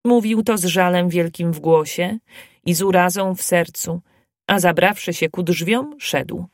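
A woman reading a fairy tale aloud in a slow, even storytelling manner. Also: lowish voice, no room sound, studio quality.

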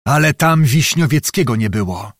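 A man voicing a defeated Cossack hetman with a hoarse voice, roaring in despair. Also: mid-range voice, animated, moderate pace, no room sound, clean studio sound, lightly acted. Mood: desperate.

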